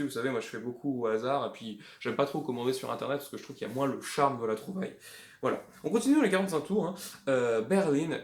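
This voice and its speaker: A man chatting casually about his secondhand records, hesitant and rambling but fond of the music. His voice sits at an ordinary middle pitch. The room gives it a noticeable echo. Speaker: record collector vlogger. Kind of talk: casual show-and-tell of flea-market finds. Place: indoors at home. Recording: echoey room.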